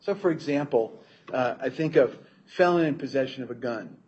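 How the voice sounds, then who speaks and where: A man speaks as an appellate lawyer, giving a formal, explanatory legal argument in a somewhat halting way. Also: medium pitch, darkish tone, breathy edge. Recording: dull courtroom recording, faint noise.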